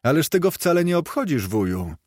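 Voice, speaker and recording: A man voicing a cheerful, warm-hearted young nephew who calls out eager, bright exclamations, in a dry-sounding recording. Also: medium pitch, expressive, normal speed, no echo, close to an everyday voice. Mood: cheerful pleading.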